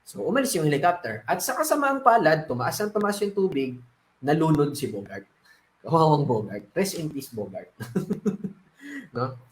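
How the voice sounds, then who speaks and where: Male coach, storytelling lesson, chatty with tag questions, high voice, echoey room. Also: sing-song, moderate pace. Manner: conversational, frequent tag questions. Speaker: sales coach. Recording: roomy echo.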